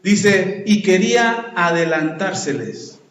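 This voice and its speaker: A pastor preaches to his congregation, his fairly high voice rising and falling as he acts out the scenes he describes. The sound carries the echo of a church hall around him. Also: takes it slowly. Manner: animated preaching, acting out voices. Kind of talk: sermon.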